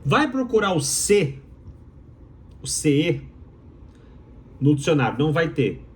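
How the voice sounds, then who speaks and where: On the high side and slow-paced, this man's voice swings widely in pitch. A Mineiro doctoral student from Minas Gerais, Brazil, he gives an emphatic, rhetorical, opinionated explainer to viewers, circling back to his key phrases.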